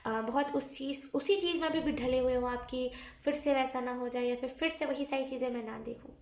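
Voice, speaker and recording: A woman's voice: high voice, a little fast. A woman giving a collective tarot reading to her viewers, earnest and coaxing, repeating her advice as she speaks directly to them. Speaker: tarot card reader. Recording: echoey room.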